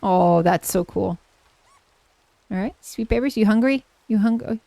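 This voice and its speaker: A woman streamer giving casual live gameplay commentary, gushing and excitable as she talks to herself and her chat. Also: medium pitch, unhurried, creaky, no echo.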